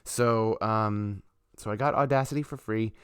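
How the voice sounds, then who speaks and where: A man's voice: fairly low pitch, unhurried, clean tone, no room sound, clean studio sound. A man chatting casually on a live stream as a musician, talking loosely with lots of fillers. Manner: laid-back, rambling, chatty with fillers.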